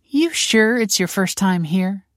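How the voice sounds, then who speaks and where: A man's voice: sits high, animated, a little slow, fairly bright tone, no room sound, studio quality, voice pushed up. A male audiobook narrator voicing a breezy, mocking female police detective who needles people with sarcastic politeness. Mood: playful. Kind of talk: audiobook character voice.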